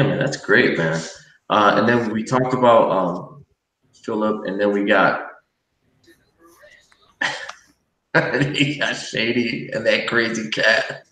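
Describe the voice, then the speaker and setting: A man's voice: lowish voice, fairly bright tone, distant mic. Man, stream host, casual chat, rambling with fillers, roomy echoey room, sits back from the mic. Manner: rambling, many fillers and restarts. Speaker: livestream host. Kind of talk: casual chat while drawing.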